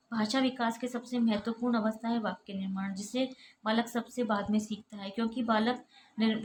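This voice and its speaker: A woman who is an assistant professor, giving a recorded college lecture and going steadily through lists of examples. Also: a little high. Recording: echoey room with faint ambient noise.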